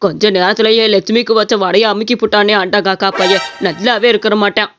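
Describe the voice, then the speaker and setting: A woman's voice: medium pitch, steady tone, fairly quick, a bit bright, faint music behind, natural voice. A woman voicing a grumpy, scolding old village man in a cartoon. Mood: angry. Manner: scolding, threatening. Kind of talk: cartoon voice acting. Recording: dull audio with clear noise.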